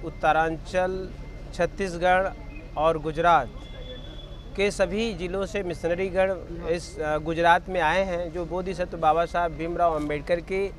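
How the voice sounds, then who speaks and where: High-voiced man speaking formally outdoors. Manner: measured, with fillers and pauses. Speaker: interviewee, association general secretary. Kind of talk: formal speech to a reporter.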